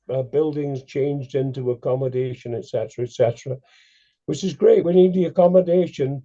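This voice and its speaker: A hoarse male councillor makes his point in a committee meeting, earnest and emphatic. His voice is very dark and mellow but pitched fairly high. The sound is dull and lo-fi. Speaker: town councillor.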